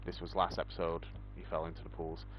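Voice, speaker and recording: Low-voiced young man rambling casually. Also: monotone, quick pace, fairly bright tone, faint music behind. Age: young adult. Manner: rambling, many ums. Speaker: podcast host. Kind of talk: casual chat.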